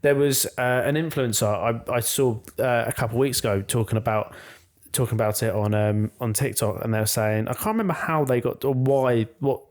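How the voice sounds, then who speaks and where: A man co-hosts a relaxed podcast, telling stories in a halting, rambling way with lots of restarts. His voice sits at a plain middle pitch. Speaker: podcast co-host. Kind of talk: casual podcast chat.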